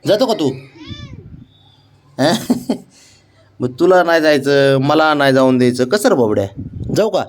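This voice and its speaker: A man's voice: a little high, lively intonation, unhurried, pauses often. A man talking playfully to his pet cat in coaxing, teasing baby talk. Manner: coaxing, teasing, sing-song questions.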